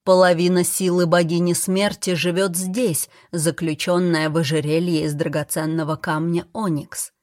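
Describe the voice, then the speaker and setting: Brief: a grave, commanding old father-king in a storybook, read by a woman in her lowish voice. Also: flat delivery, normal speed, hardly any pauses, darkish tone, dry recording, studio quality, lightly acted. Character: stern old king warning his son. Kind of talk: audiobook reading.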